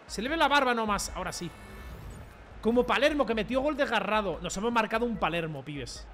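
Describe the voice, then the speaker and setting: A man giving excitable gameplay commentary from his bedroom at home, with loud outbursts, swearing and repeated catchphrases. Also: sits high, brisk, a little hiss or hum. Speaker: gaming streamer.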